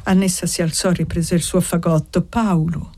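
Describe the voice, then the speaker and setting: A woman narrating a literary novel aloud in a slow, measured reading. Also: fairly low pitch, level tone, dark tone. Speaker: audiobook narrator.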